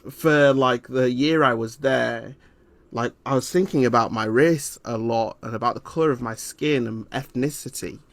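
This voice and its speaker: A man's voice: medium pitch, normal speed, creaky, no echo. A man from Leeds, England, talking reflectively in an interview, with frequent ums and some laughter. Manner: thoughtful, hesitant with frequent ums; laughs often while telling stories. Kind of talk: reflective conversation.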